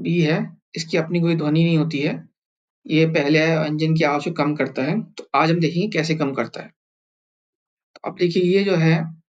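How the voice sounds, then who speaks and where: Slow, syllable-by-syllable male teacher. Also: on the high side, a little mellow, dull audio. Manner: sounds out words syllable by syllable, repeating each; patient, explanatory, with frequent fillers. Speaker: language teacher. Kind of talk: slow screen-recorded tutorial.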